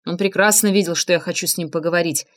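A woman narrating a first-person crime novel as an audiobook, reading with expressive emphasis. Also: fast talker. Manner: expressive, shifting pitch for emphasis.

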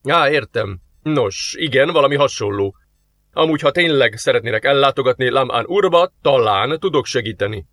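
A man voicing a polite, formal male alien receptionist in an audiobook, measured and courteous. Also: mid-range voice, animated, fairly bright tone, no room sound, clean studio sound. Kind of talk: audiobook character voice.

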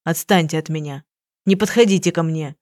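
A woman's voice: low voice, a little fast, a little mellow, dry recording, clean studio sound, natural voice. Woman doing a stubborn injured young man. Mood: hissing. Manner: curt, clenched.

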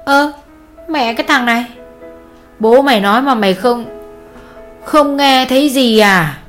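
A woman's voice: medium pitch, faint music behind. A woman voicing a drunk, angry middle-aged father who slurs and stumbles over his words. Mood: drunk raging. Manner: slurred, halting, shouting.

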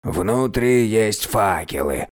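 An undead old king from an audiobook tomb, cheerful and curious, speaking in a low voice that rolls up and down with lively swings. He drags his words out slowly, as a man reading the story puts him on.

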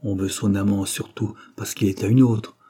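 A man's voice: fairly low pitch, fairly even intonation, moderate pace, mellow, husky. A man reading the lines of a sly, gallant old male bandit in an audiobook, with a wheedling, knowing tone.

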